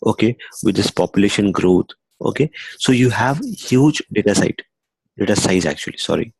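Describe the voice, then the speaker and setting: A man's voice: lowish voice, lively intonation, moderate pace, vocal fry, breathy edge, low-quality recording. A young man teaching a screen-recorded coding lesson, talking conversationally, adding "okay" often and restarting phrases. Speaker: instructor.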